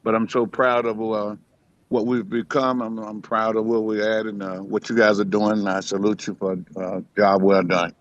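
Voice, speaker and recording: An older man, the founder, speaking over a video call, halting and proud with many fillers. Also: on the low side, flat delivery, no room sound. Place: school room with small children. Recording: muffled dry video-call audio.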